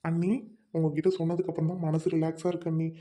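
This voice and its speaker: A woman's voice: low voice, level tone, dark tone, close to an everyday voice. A woman voicing an anxious lovesick college boy. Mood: earnest. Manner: quick, earnest, worried. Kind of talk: amateur audio drama.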